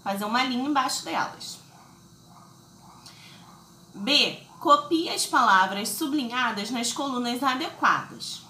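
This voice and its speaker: A woman's voice: on the high side, expressive, unhurried, pauses often, bright, forceful tone, roomy sound, a little hiss or hum. A woman teaching children a recorded lesson, explaining patiently step by step and checking in often. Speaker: schoolteacher.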